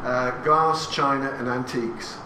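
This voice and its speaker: Telling a family story in a hall, an Englishman in his sixties speaks a little slowly in a steady, medium-pitched voice. His talk is chatty and anecdotal, with asides and questions for the audience. Echoey, distant recording with audience noise.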